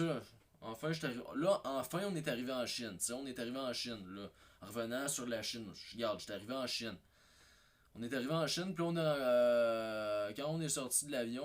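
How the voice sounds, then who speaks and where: A man with a Québécois French accent telling a rambling comic anecdote, hesitant and repetitive, with many fillers and restarts. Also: mid-range voice. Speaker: comedy video maker.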